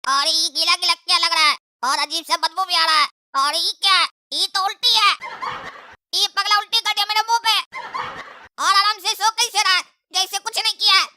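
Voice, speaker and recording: A cheeky cartoon boy, voiced by a woman who teases his father in long sarcastic rambles. His voice sits extremely high and sounds sharply bright. He breaks into shouts and laughter. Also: normal speed, full character voice. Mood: disgusted. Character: cheeky young boy, mouthy and teasing.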